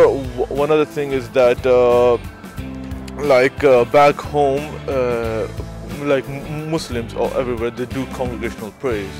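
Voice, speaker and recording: A young male student answering street interview questions outdoors, hesitant with many fillers and restarts. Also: medium pitch. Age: young adult. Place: outdoors on a city street by trees. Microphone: handheld shotgun mic held by interviewer.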